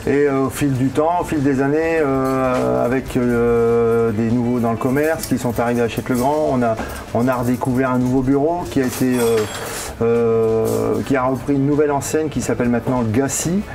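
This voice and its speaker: Speaking at a moderate pace with fairly even intonation, a man in his fifties describes his hotel and bar business in a casual interview. His mid-range voice has a darkish tone, he often gropes for words, and music plays behind him.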